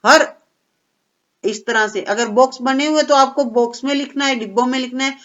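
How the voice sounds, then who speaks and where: Patient woman teacher, slightly high voice. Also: moderate pace, a bit bright, lo-fi sound. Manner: patient, step by step, checks "ठीक है" often. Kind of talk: worksheet lesson for children.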